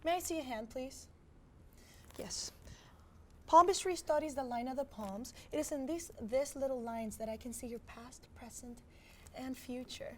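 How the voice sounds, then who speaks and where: A woman's voice: sits high, normal speed, dark tone, slight background noise, natural voice. A young woman playing a mystical madame fortune teller, explaining her craft as a guest on a comedy talk show. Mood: mystical, instructive. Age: young adult. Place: TV studio set.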